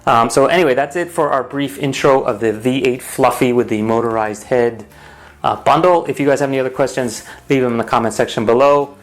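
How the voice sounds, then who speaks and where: A man's voice: medium pitch, a little fast. A man giving a casual, rambling, matter-of-fact hands-on product review as the host of an unboxing vlog. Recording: home recording with clear noise and clicks.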